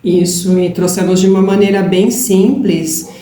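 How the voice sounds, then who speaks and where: Mellow-voiced woman in a roomy space. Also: medium pitch, moderate pace. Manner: calm, affirming explanations with "gente" and "né?". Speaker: spiritual channel co-host. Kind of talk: casual spiritual talk. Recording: roomy with faint background hiss.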